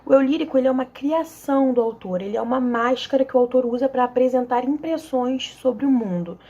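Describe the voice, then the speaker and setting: Young brazilian woman teaching literature, kinda husky, pretty high voice, stops and restarts a lot, muffled lo-fi audio. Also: warm tone. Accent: Brazilian Portuguese. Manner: hesitant, with many fillers and restarts. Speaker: student volunteer teacher. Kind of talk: casual online lesson.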